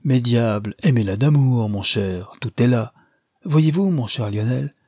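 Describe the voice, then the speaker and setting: A man's voice: mid-range voice, steady tone, normal speed, warm tone, slightly rough, no room sound, lightly acted. A man voicing a burly, jovial middle-aged duke who talks with hearty emphasis.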